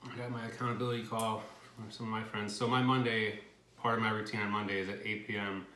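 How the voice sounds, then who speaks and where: A man's voice: lowish voice, little pitch movement, fast talker, bright, forceful tone. A man chatting earnestly on a casual vlog, repeating his point. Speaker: guest, boyfriend. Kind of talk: casual chat. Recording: echoey room, faint noise.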